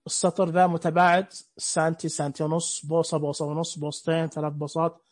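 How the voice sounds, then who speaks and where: Husky-voiced man teaching screen reader settings. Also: on the high side, little pitch movement, fast. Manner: explains step by step, asks the listeners questions. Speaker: instructor. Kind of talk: screen reader software tutorial.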